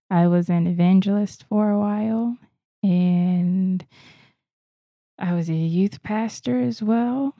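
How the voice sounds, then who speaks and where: A woman's voice: medium pitch, gravelly, no echo, muffled recording. A woman from Florida with an American accent, chatting casually as a podcast co-host. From Florida, United States. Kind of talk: casual chat, self-introduction.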